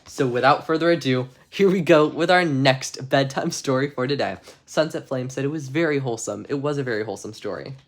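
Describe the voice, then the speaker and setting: A bedtime-story livestream host talks a little fast in a mid-range voice, barely pausing. He chats with his viewers and reads storybooks aloud, putting on a mock-innocent, tongue-in-cheek act.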